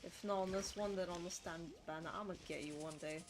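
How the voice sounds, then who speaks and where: A woman's voice: lowish voice, steady tone, brisk, noisy background. A woman streaming a game with casual commentary, musing and thinking aloud. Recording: loud game music behind the voice. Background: game music.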